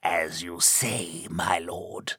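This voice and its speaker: Man voicing a sinister warlock, low hushed tone, menacing, dry close sound. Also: very animated, slow pace, no echo, exaggerated voice. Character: creepy sly male warlock advisor.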